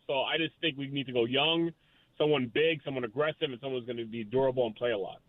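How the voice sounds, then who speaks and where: A male caller on a clipped, tinny phone line, dry and close with no room around him. He speaks at a middling pitch and keeps halting, restarting and filling gaps as he makes his case. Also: no echo. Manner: halting, restarts with many fillers. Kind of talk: sports radio call-in.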